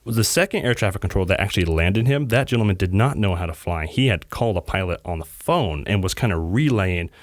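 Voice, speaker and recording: A man's voice: low voice, fast, hardly any pauses, no room sound, studio quality. A man co-hosting a podcast, retelling a story casually and raising his voice to quote radio calls. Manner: animated retelling, quoting radio calls in raised voice. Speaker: podcast co-host.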